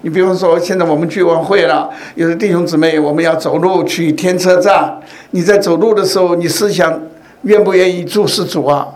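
A man with a high voice preaches a sermon in a relaxed, conversational way. He talks straight to his congregation, often checking in with rhetorical questions as he tells a personal story. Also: fairly quick. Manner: tells personal stories to make a point.

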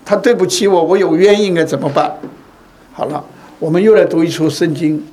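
A man's voice: fairly high pitch, brisk, mellow, slight background noise. A man preaching a sermon, repeating phrases and asking rhetorical questions.

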